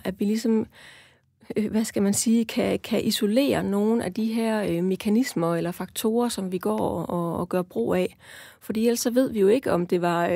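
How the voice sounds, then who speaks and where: A woman's voice: mid-range voice, creaky, dark tone, dry recording, studio quality. A woman researcher explaining her view in a panel discussion, hesitant, with many fillers and restarts.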